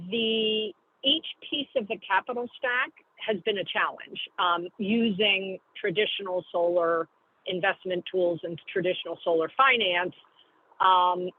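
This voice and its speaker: Woman on a tinny car phone line, mid-pitched, explains things step by step, stops to correct herself. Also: a little hiss or hum. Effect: phone call from a moving car. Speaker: guest speaker. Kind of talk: call-in briefing on a video call. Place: in a car while driving.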